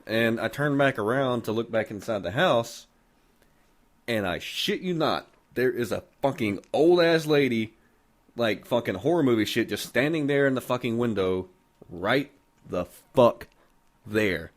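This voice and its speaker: A man's voice: mid-range voice, lively intonation, unhurried. A man hosting a podcast, telling a long story in a loose, joking way with a lot of swearing. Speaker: podcast host. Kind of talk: casual storytelling.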